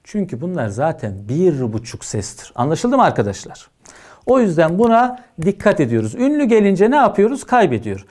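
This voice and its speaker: A man's voice: high voice, wildly swooping pitch, moderate pace, darkish tone. A man lecturing students on poetic meter for an exam, emphatic and often checking that they follow. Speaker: teacher.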